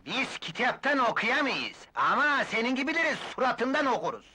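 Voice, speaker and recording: A man playing a hostile, self-righteous conservative villager in an old film melodrama, arguing scornfully in a rough, husky voice. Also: very high voice, big pitch swings, normal speed, bright, forceful tone, full character voice. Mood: scornful, indignant. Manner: scornful, argumentative.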